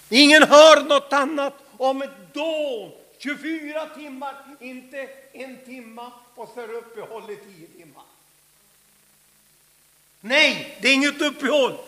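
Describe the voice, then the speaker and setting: A man preaching a fervent Pentecostal sermon, swinging from hushed asides to loud shouts. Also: very high voice. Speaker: pastor. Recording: long hall reverb.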